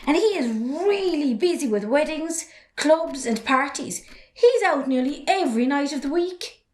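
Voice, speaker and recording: A woman with a high voice plays a cheeky, outspoken young Irishwoman, a farmer's daughter in a drama dialogue. Defiant and sardonic, she holds her ground, speaking expressively at a measured pace.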